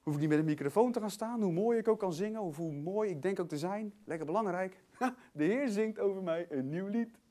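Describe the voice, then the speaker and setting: Animated preacher, lively pitch. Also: male voice, a little fast. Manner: animated, laughing, swinging between loud emphasis and soft asides. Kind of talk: sermon.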